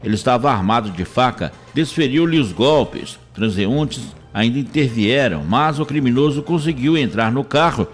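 A man with a Minas Gerais accent reading a police news bulletin in a steady, formal way. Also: mid-range voice, moderate pace, hardly any pauses.

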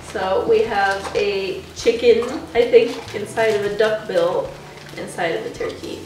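In this casual unboxing chat, a young woman nursing a congested cold talks to her dogs as she opens a gift box on a couch in her small bedroom. She speaks in a mid-range voice with fairly even intonation and a measured pace; the distant camera mic yields a roomy, off-mic sound with background noise and music.

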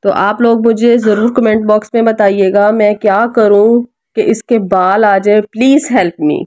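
Woman, Pakistani Urdu accent, casual home cooking vlog, chatty and pleading with viewers, mellow tone, dry close phone sound. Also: mid-range voice, steady tone, measured pace, dry recording. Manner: chatty, keeps addressing viewers with requests. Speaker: family vlogger and mother. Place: home kitchen and family room.

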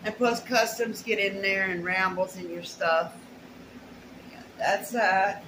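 Unboxing her haul at home, this middle-aged woman rambles folksily and mutters little asides under her breath. She speaks slowly at a medium pitch. Recorded by a nearby camera or phone in a sparse small room, the audio carries noticeable echo and audible background noise.

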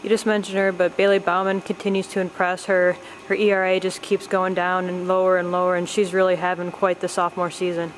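A woman's voice: on the low side, monotone, brisk, few pauses, a little hiss or hum, low-quality recording. A woman interviewing a coach, asking postgame questions evenly with "you know" fillers.

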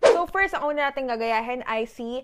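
A woman's voice: high voice, lively intonation, normal speed. A young woman with a Filipino accent, chatting playfully and poking fun at herself in a casual vlog. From Philippines. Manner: chatty, playful, self-deprecating. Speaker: YouTuber. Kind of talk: casual vlog talk, Taglish.

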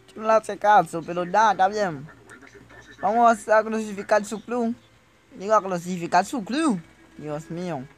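A man giving comedic gameplay commentary, talking straight to his viewers and breaking into panicked shrieks. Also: high-pitched. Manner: chatty, addresses viewers directly. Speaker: gaming youtuber.

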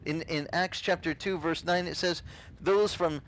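A middle-aged man, whose first language is not English, preaches an animated and casual sermon outdoors on a beach, gesturing and acting out the voices he quotes. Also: on the high side, unhurried, slight background noise, poor audio. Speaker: pastor.

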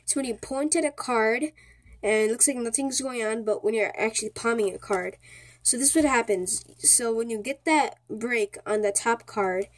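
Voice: mid-range voice, normal speed. A speaker giving a casual, step-by-step card trick tutorial in an informal, repetitive way, often checking in with the listener. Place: indoors at a small table.

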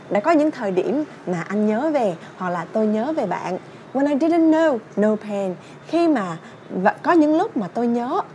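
In a song-based English pronunciation lesson, a young woman sings lines and then explains them in a chatty, casual way. Her voice sits high with a darkish tone, and there's slight background noise.

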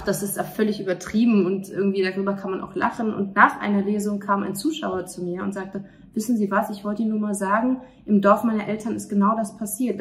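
Seated indoors at a window-side restaurant table, a woman in her thirties who writes plays and acts speaks thoughtfully and sincerely into the interviewer's handheld mic. Her voice is medium-pitched, with slight background noise.

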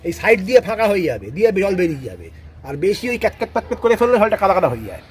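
A high, animated male voice, walking through garden care in quick, explanatory speech. He keeps checking that listeners follow along, over faint outdoor noise. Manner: explanatory, repeats "ঠিক আছে?" to check understanding. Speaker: rose gardening expert. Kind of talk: casual outdoor demonstration.

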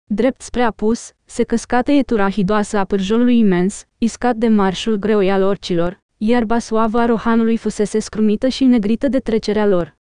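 A woman narrating an audiobook as scripted narration, reading in a measured, even way. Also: mid-range voice, clear, resonant tone, no room sound, studio quality.

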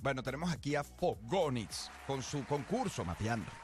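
A man's voice: mid-range voice, very animated, moderate pace, over music. A Venezuelan man hosting a radio show, teasing his co-hosts and tossing in English slang. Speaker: radio host. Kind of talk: playful radio banter.

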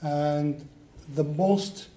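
A man's voice: fairly high pitch, fairly even intonation, very slow, warm tone. A man speaking on a university panel, earnest and hesitant, with fillers and restarts. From Iraq. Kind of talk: panel discussion answers. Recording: echoey room, faint background noise.

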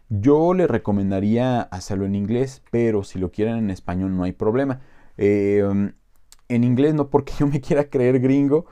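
A man with a Mexican Spanish accent casually walking viewers through a software tutorial, rambling with many fillers and asides. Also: on the low side, smooth. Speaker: tech tutorial host.

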